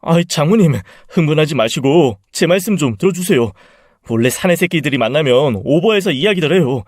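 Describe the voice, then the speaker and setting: A scheming, spiteful son-in-law, voiced by a man, talks with open contempt. His voice sits a little high and is recorded dry. He turns defensive and stammering when caught. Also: lively intonation, brisk, darkish tone, dry recording. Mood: flustered. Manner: contemptuous, then flustered and pleading.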